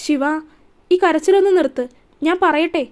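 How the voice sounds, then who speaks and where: A woman's voice: extremely high pitch, normal speed. A woman reading as a stern young husband. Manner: firm, scolding, then tender.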